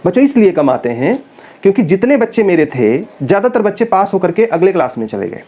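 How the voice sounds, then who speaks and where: This teacher's voice sits high and sing-song, warm in tone and moderately paced. Addressing his students directly on camera, he speaks casually, earnestly and persuasively, frequently calling them children.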